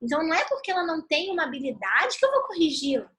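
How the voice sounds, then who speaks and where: High-voiced Brazilian woman teaching on a call. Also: rapid-fire, poor audio. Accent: Brazilian Portuguese. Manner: animated, chatty storytelling. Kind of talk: live online talk. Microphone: video call.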